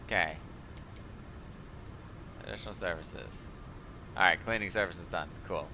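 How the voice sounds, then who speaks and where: Slow, chatty flight sim streamer, noisy room. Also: male voice, low-pitched, vocal fry. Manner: chatty, exasperated, laughs often at the ground crew. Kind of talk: live-stream commentary.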